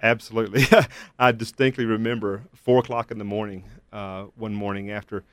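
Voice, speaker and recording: A man as an interview guest and father, telling his story in a measured, candid way with hesitant fillers. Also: on the low side, little pitch movement, fairly bright tone, smooth, no echo. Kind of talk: reflective personal testimony.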